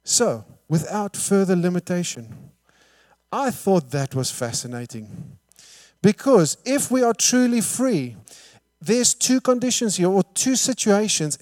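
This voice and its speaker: Recorded in a clean studio with no echo, a high-pitched pastor preaches a sermon with emphasis, Afrikaans being his first language. He asks rhetorical questions and shifts from hushed tones to loud ones.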